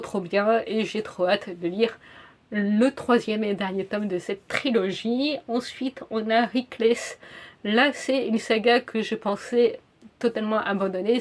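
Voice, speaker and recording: Young woman, book vlogger, casual chat, hesitant fillers, self-correcting. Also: mid-range voice. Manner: chatty, frequent "euh" fillers and self-corrections. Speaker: book YouTuber. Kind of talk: casual book review vlog.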